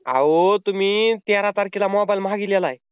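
Over a tinny phone line, a man makes a prank call posing as a delivery man, insistent and pleading. His voice is high and smooth, at a moderate pace, with no echo.

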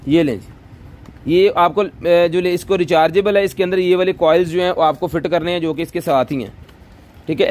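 High-pitched man in overeager sales pitch. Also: a little mellow. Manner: overeager teleshopping-style pitch, insistent and repetitive. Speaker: live-stream seller of assorted goods. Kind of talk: live sales pitch, repeating prices.

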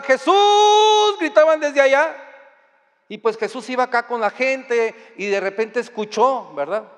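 A man with a Mexican accent delivers a sermon in a high, bright register. He talks to the congregation in a conversational way and pushes to loud, emphatic peaks. A long reverb hangs on his voice in the hall. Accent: Mexican Spanish. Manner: conversational, addressing the congregation directly. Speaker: preacher. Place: church hall.

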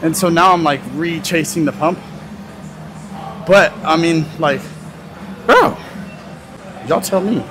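Slow and unhurried, with long pauses, a fitness vlogger in his twenties speaks in a fairly high voice during a casual gym walk-and-talk. He rambles easily and laughs often. Loud gym music and background noise come through on the nearby tripod phone camera.

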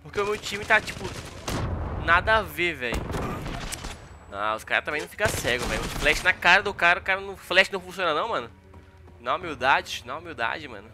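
A young Brazilian gaming YouTuber comments casually over his own gameplay in a slightly high, expressive voice at a brisk pace. He sounds exasperated and slangy, repeating tags like "mano" and "véi," with music and gunfire sounds under his voice.

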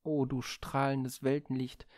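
A man's voice: mid-range voice, level tone, measured pace, darkish tone, no echo, studio quality, lightly acted. A man voicing Phaethon, a proud yet earnest young man who speaks hesitantly and pleadingly to his divine father in a storybook reading.

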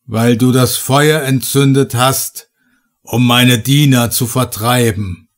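A man's voice: mid-range voice, steady tone, takes it slowly, close to an everyday voice. A man voicing an ancient living stone idol that speaks with a thundering, cold and scornful voice. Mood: booming, scornful.

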